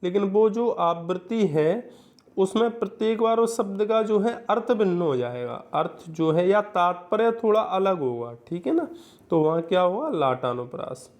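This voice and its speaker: A male teacher giving a grammar lesson, repeating each definition and reading verse examples slowly. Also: sits high, lively intonation, a little mellow. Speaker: Hindi literature teacher. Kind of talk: classroom-style grammar lesson.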